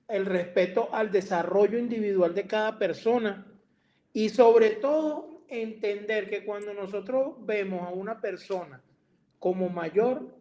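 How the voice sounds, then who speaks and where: A Venezuelan man with a high-pitched voice, hosting a live stream. He answers reflectively and at a measured pace. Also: a little mellow. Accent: Venezuelan Spanish.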